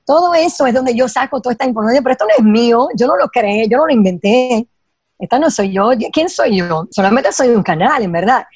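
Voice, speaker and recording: A woman's voice: on the high side, lively intonation, fairly quick, a little mellow, husky, dry recording, lo-fi sound. A woman giving spiritual advice in an emphatic way, asking rhetorical questions and dropping in English phrases. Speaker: guest teaching Kabbalah ideas. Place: lives in Los Angeles.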